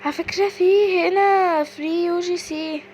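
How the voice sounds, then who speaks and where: A woman with an Egyptian accent giving casual, excitable commentary as she plays a game, often shrieking and exclaiming. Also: very high voice, moderate pace, slight background noise, poor audio. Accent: Egyptian Arabic. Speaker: gaming video creator.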